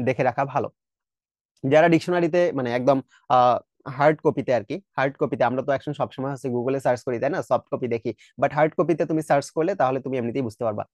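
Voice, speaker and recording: A man's voice: a little high, a little mellow, no echo. A man with a Bangladeshi Bengali accent teaching an exam prep lesson, explaining step by step, asking rhetorical checks, sounding out word pronunciations, and mixing English words into his speech.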